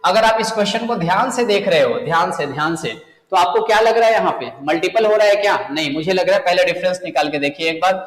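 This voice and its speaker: A man's voice: sits high, fairly bright tone. A man teaching number series for bank exams, working through each step and asking his students questions. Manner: explains step by step, asks the students questions, addresses them as children. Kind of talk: exam coaching lesson. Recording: echoey room, long reverb.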